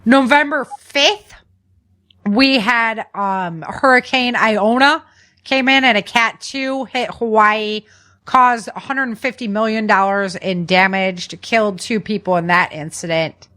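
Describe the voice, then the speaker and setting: She speaks slowly, in a bright, forceful voice that's a little high, hosting a podcast. Informal and conversational, she covers the news and repeats words to drive points home.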